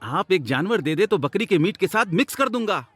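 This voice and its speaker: A man's voice: high voice, sing-song, fairly quick. A man dubbing a boastful, broke uncle who wheedles a favor, in comic film style. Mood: wheedling.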